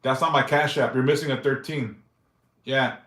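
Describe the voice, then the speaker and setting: A man's voice: mid-range voice, steady tone, moderate pace, fairly bright tone, reverberant. A man in his forties hosting a casual live stream, reading viewer questions aloud and answering them briefly, with loose, profane talk. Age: 40s. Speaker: livestream host answering yes-or-no questions.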